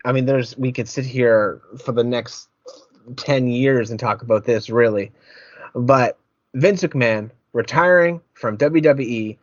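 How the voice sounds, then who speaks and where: A man's voice: mid-range voice, no room sound, highs cut off. A man hosting a casual wrestling podcast, rambling, repeating his words and getting heated. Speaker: podcast host.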